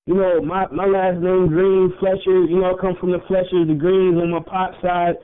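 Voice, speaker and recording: A man's voice: sits high, level tone, normal speed, smooth. A young man co-hosting a podcast in casual chat, rambling, swearing and laughing often as he talks. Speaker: podcast co-host. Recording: tinny phone-like audio.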